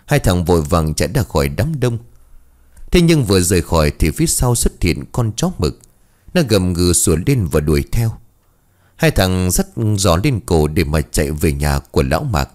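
Man, storyteller, ghost story narration, low voice, lively intonation. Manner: dramatic, expressive storytelling.

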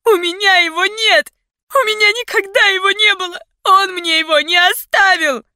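A woman's voice: very high voice, moderate pace, bright, forceful tone, no echo, clean studio sound, pitched above the performer's own voice, full character voice. A woman voicing a desperate young woman, sobbing and pleading in cries as an audiobook character.

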